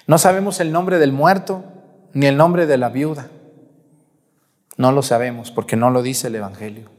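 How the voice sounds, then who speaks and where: A man preaching a sermon, retelling a Gospel story in a lively way and putting questions to his listeners. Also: mid-range voice, normal speed. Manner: storytelling, animated, asks the audience questions. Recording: long hall reverb.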